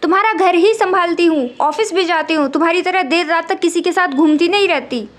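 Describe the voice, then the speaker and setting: A woman's voice: very high voice, brisk. A woman voicing a frustrated young wife and mother who speaks sharply and reproachfully. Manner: sharp, reproachful with husband; gentle with child.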